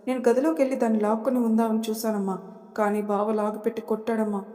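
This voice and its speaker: A woman's voice: fairly high pitch, level tone, quick pace, mellow, long reverb tail, close to an everyday voice. A woman voicing a spoiled, jealous young woman who whines and complains. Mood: complaining. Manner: whining, complaining.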